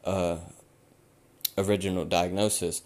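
A man hosting a podcast, giving blunt, casual advice and swearing freely, while he loses his voice and keeps clearing his throat. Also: low-pitched, level tone, unhurried, a little mellow. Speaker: podcast host.

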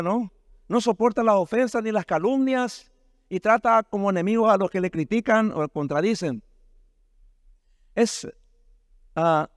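Pastor preaching in dynamic bursts. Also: male voice, no room sound, clean studio sound. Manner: preaching with sudden rises and drops in pitch, many rhetorical tag questions. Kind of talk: sermon.

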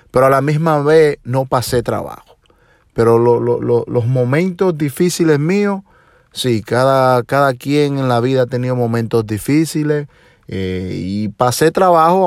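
Recorded with a phone or home microphone, the sound is clean and studio-like with no echo as a podcast host in his forties from the Dominican Republic talks in a mid-range voice. He has a Dominican Spanish accent and speaks slowly and reflectively, hesitating often in his monologue.

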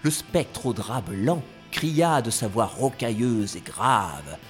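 A man narrating a storybook tale in a lively, playful way. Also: medium pitch, slow pace, faint music behind.

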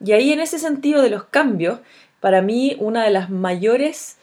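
A Chilean woman of around forty hosting a solo podcast. She talks in a thoughtful, earnest way and pauses often on fillers. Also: a little high, animated, darkish tone. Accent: Chilean Spanish. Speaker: podcast host. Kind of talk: solo reflective podcast monologue.

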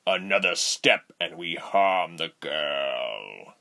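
A man's voice: deep voice, big pitch swings, vocal fry, sharp tone, voice pushed down, exaggerated voice. A man playing a smug, scheming male villain commander who smirks and threatens. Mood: menacing. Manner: slow, smirking, menacing.

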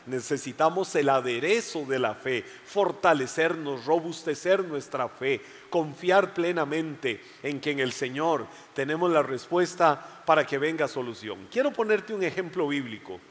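A man preaching a sermon with passion, often raising his voice to shout the cries in the story. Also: fairly high pitch, expressive, unhurried, few pauses. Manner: impassioned, shouts quoted cries. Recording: long hall reverb.

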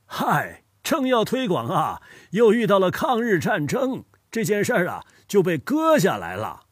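Lively husky older man, high voice. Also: measured pace, no echo, clean studio sound. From Hubei, China. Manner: animated storytelling, chuckles often. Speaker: grandfather explaining dialects. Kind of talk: scripted educational dialogue.

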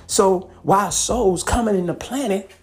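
At normal speed and with a high voice, a man preaches a podcast sermon, pleading and repeating himself. He keeps pausing to make sure his listeners are following, sprinkling in "okay" and "hallelujah."

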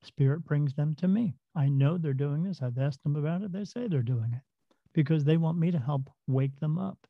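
In a dull, lo-fi, dry recording, a man who works as a psychic medium shares stories during a casual interview. His slightly high voice is creaky, and he rambles, often restarting what he's saying.

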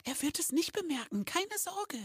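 A man voicing a worried young female Christmas elf in a very high, pleading voice, reading a storybook aloud. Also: big pitch swings, moderate pace, a bit bright, dry recording, studio quality, heavily acted.

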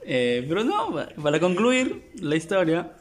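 A man's voice: high-pitched, wildly swooping pitch, a little slow. A young man telling an anecdote in casual chat, acting out the lines people said to him.

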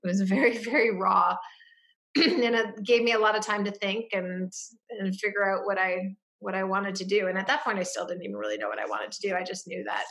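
A woman in a mid pitch shares her story as an interview guest. She speaks reflectively and often restarts her sentences or pauses on fillers. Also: a bit bright. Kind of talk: casual personal storytelling.

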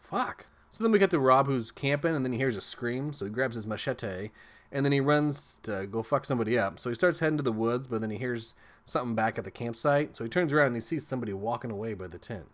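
Man, movie recap host, casual profanity, sarcastic jokes, mid-pitched voice. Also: animated, quick pace, fairly bright tone. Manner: profane, joking, sarcastic asides.

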